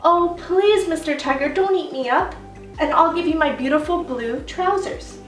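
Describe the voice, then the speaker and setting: A high, earnest little boy pleads politely and timidly in a read-aloud storybook, voiced by a woman. The room rings with echo and the mic sits at a distance. Soft music plays quietly underneath. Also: normal speed, natural voice. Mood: pleading.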